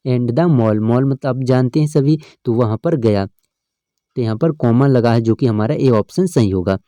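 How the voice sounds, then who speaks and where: A man's voice: medium pitch, moderate pace, dark tone, dry recording, studio quality. A male teacher, explaining an English grammar lesson step by step and often checking in with his students. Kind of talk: exam-prep lesson.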